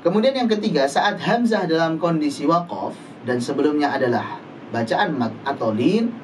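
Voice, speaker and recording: A male recitation teacher in a live online class, patiently demonstrating Arabic letter sounds slowly and repeatedly. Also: a little high, expressive, recorded from a distance, slight background noise, low-quality recording.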